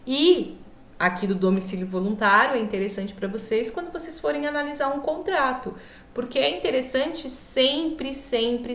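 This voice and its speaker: A woman's voice: a little high, a bit bright. Brazilian woman lecturing with a swollen lip, echoey. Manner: stumbles on long words and corrects herself, checks in often. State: swollen mouth, slightly impeded speech. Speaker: law teacher. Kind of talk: online lecture, informal explaining. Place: echoey room, online class. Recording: echoey room.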